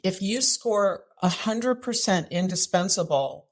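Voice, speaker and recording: With a mid-range voice, lively intonation and a measured pace, this interview guest offers emphatic, direct advice as an author and activism coach. She frequently asks rhetorical questions.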